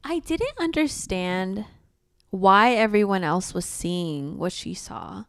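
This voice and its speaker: Tipsy lady in a casual book review chat, super animated, dry close sound. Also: medium pitch, slow, vocal fry, clear, resonant tone, dry recording.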